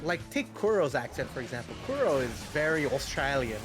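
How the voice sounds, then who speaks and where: A man's voice: medium pitch, fairly quick, music in the background. An American man chatting casually during a game stream, swearing freely and using many fillers. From United States. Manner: profane, animated, fillers like um. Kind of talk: casual gaming chat.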